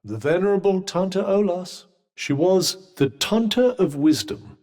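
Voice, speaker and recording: An actor with a British accent voicing an urbane, dry-witted, sardonic magic cuff in a video game, speaking in a formal, articulate way. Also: male voice, high-pitched, animated, unhurried, a little mellow. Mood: grave, wry exposition. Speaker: video game companion character. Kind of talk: scripted game dialogue.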